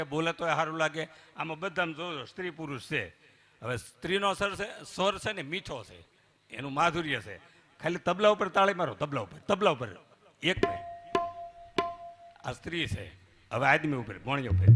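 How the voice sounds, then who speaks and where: Animated man telling jokes. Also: on the high side. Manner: animated, jokey, swings from loud to hushed. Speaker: folk comedian and storyteller. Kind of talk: live stage comedy storytelling. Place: live stage before a temple audience.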